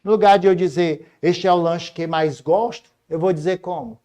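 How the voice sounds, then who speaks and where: A middle-aged Brazilian man teaches grammar to exam candidates in a slightly higher voice. He jokes with his students and slows right down to stress each example phrase. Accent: Brazilian Portuguese. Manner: animated, jokey, stresses example phrases slowly. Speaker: Portuguese teacher. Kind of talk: exam-prep grammar lesson.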